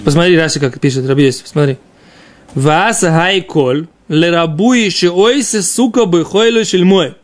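A man's voice: on the high side, moderate pace. A man giving an informal religious text lesson as a teacher, explaining by asking and answering his own questions. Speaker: Talmud teacher.

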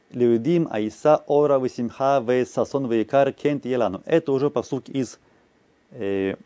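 A man with a low, mellow voice teaches a class at an unhurried pace, chanting short phrases and then explaining each one. The recording is dry and close, with no room sound. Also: no room sound. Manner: slow, explanatory, chanting phrases aloud and translating. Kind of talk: explanatory lesson.

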